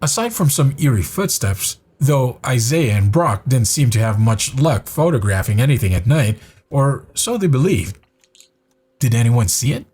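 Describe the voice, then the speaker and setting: A man reading scripted narration for a countdown video in a measured, even storytelling manner. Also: mid-range voice, husky.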